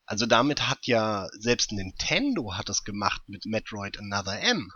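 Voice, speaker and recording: A man's voice: lowish voice, big pitch swings, moderate pace, pushed and bright, highs cut off, a little hiss or hum. A man co-hosting a casual gaming podcast, explaining his points through hypothetical scenarios. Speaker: podcast co-host.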